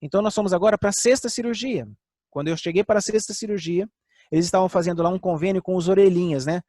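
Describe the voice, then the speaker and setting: An older man preaching a sermon with personal testimony, earnest, sinking to soft lows and rising to emphatic highs. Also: fast, no room sound, studio quality.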